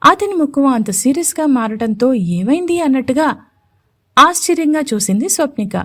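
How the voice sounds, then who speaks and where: Expressive woman narrating a romance story. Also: high-pitched, moderate pace. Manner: expressive, emotive reading.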